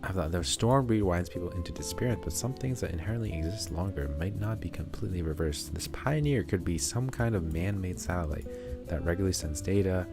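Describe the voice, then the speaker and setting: Deep gravelly laid-back streamer man. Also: lively intonation, fairly quick. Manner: laid-back, joking, reads game text aloud. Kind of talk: casual gameplay commentary. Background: soft background music.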